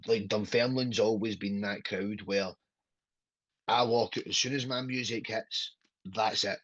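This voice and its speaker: A fairly low, steady, slightly bright voice belongs to a Glaswegian wrestler in his thirties, unhurried as he chats as a podcast guest. His talk wanders, is laced with swearing and is punctuated by "do you know what I mean". It's captured as dull, lo-fi, dry podcast audio.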